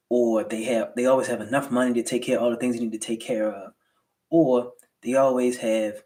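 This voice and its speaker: A man's voice: medium pitch, darkish tone. American man with slightly slurred, swollen-lip speech. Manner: colloquial motivational delivery with rhetorical check-ins. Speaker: livestream host, entrepreneur. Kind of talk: casual livestream talk to viewers.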